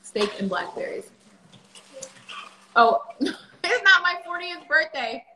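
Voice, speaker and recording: Her voice very high and swinging widely in pitch, a woman in her thirties speaks slowly as she chats casually on a livestream, answering viewer questions with lots of fillers. She is a vlogger in her home kitchen, recorded by a phone camera at the table. The sound is reverberant, with background noise.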